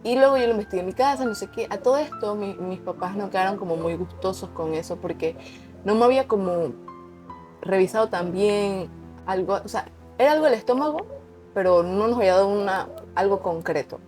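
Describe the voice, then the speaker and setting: A young woman relates her personal testimony on her vlog with a mid-range voice, a darkish tone, and a fairly quick pace, faint music playing behind her. She's unscripted and conversational, earnest, and repeats words for emphasis.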